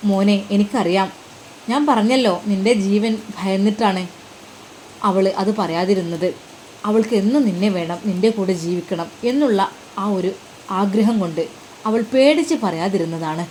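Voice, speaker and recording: A woman voicing a caring older mother figure who speaks calmly and protectively. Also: mid-range voice, normal speed, a little hiss or hum, natural voice, low-quality recording. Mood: protective earnest.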